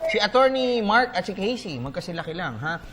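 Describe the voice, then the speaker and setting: A man's voice: sits high, sing-song, a little fast, background noise. A man hosting a sports talk show in a studio, bantering casually and joking with callers. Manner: joking, teasing, easygoing.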